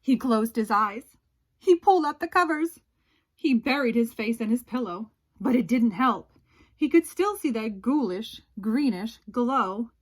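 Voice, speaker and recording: Her voice a little high, a woman performs a children's picture book as a storyteller would, building drawn-out suspense through dramatic, expressive reading.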